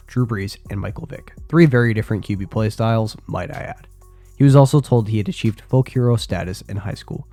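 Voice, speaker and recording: A young man with a lowish, slightly mellow, congested voice narrates a scripted sports video, tossing in casual asides to viewers. Faint music plays behind him.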